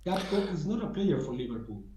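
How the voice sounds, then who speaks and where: A man's voice: on the high side, very animated, fairly quick, mellow, reverberant, a little hiss or hum, rough recording. A man on a football fan podcast, talking casually and hesitantly, repeating his words. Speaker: podcast panelist.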